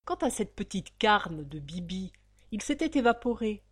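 A woman reading a novel aloud as an audiobook narrator. Her reading is expressive and lively, moving easily through slang-heavy prose. Her voice sits at a middle pitch. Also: moderate pace, slightly rough, no room sound. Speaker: audiobook reader.

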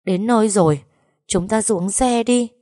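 A woman's voice: medium pitch, moderate pace, no echo, studio quality, pitched above the performer's own voice, natural voice. A woman voicing a young wife crying out in tearful, desperate pleas. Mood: desperate pleading. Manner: pleading, tearful cries. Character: young wife, frantic and grief-stricken.

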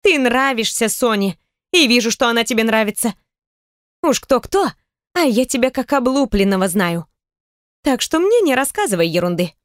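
Reading at a normal speed, a woman performs the audiobook role of a middle-aged stepmother who is spirited, domineering, and caring, scolding in a high, animated way. The sound is clean studio audio without any echo.

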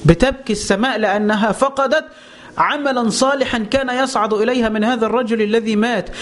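A man with an Egyptian Arabic accent preaching a religious lesson, firing rhetorical questions and answering them himself with passion. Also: very high voice.

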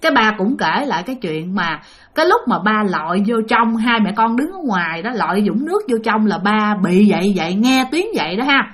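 A woman narrating a ghost story in an animated way, talking straight to her listeners. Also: mid-range voice, brisk. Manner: animated, addresses listeners directly.

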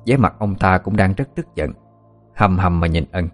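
A man with a low voice tells a dramatic story in steady, scripted narration. He, and faint music plays behind him. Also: normal speed.

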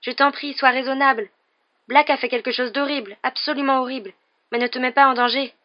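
A woman's voice: medium pitch, steady tone, fast, muffled recording, voice pushed up, natural voice. Woman voicing a pleading, anxious teenage girl. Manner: urgent, pleading.

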